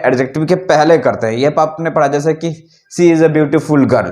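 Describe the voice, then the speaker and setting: A man teaching an English grammar lesson, explaining rules slowly and repeatedly while asking his students questions. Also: on the high side, a little mellow, roomy sound.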